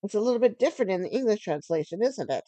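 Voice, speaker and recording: A woman giving an earnest teaching sermon on scripture, stressing key phrases and slowing down for emphasis. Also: medium pitch, lively intonation, dark tone, dry recording. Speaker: Bible teacher.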